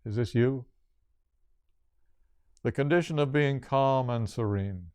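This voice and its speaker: Older male yoga teacher giving a spiritual talk; slow, measured phrasing in short lists, crisp voice. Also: medium pitch, darkish tone, no echo, clean studio sound.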